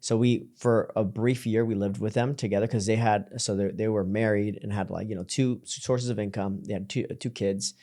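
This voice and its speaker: A young man from Colombia talks through his life story as a podcast guest, in a fairly low voice. He speaks casually, with plenty of "um" and "like" and frequent restarts. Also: normal speed, hardly any pauses. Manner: relaxed, full of fillers and restarts. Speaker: podcast guest, creative entrepreneur. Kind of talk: casual interview chat.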